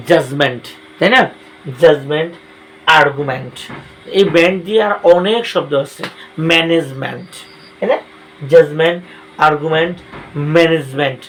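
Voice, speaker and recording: A man's voice: fairly high pitch, slight background noise, rough recording. A male coaching teacher with a Bangladeshi Bengali accent, giving a classroom grammar lesson and drilling each word aloud with repeated checks for understanding.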